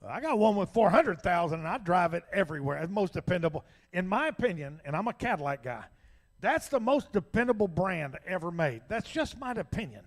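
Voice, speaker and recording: A man's voice: sits high, sing-song, fairly quick. A man working as an auctioneer, mixing a rhythmic, repetitive bidding chant with chatty asides. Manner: repetitive rhythmic number calling. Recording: echoey hall with long reverb.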